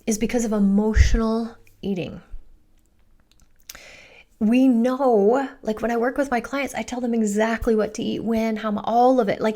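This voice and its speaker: A woman's voice: mid-range voice, mellow. Playful woman coach talking solo. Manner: playful, acts out inner voices and quoted lines. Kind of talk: solo podcast monologue.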